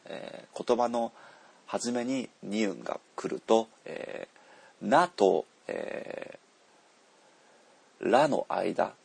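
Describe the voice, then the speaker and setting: Gravelly-voiced man teaching pronunciation. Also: lowish voice. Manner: unhurried, many drawn-out fillers, switches into Korean for examples. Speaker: Korean language teacher. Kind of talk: explaining pronunciation to learners.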